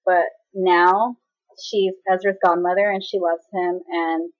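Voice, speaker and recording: A woman's voice: fairly low pitch, flat delivery, unhurried. A young woman chattily retelling a personal story in a casual vlog, acting out what others said. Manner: chatty, dramatic retelling with quoted voices and laughs. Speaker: vlogger. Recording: slightly dull lo-fi audio.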